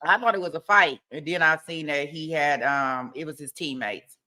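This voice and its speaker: A woman's voice: low voice, normal speed, sharp tone. A woman livestream host talking casually to her viewers in colloquial, informal phrasing.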